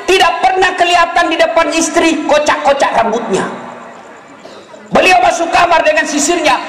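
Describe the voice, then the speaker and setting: A man preaching a humorous sermon, telling stories and acting out characters in lively voices. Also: extremely high pitch. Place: hall with live audience. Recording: echoey hall with faint noise.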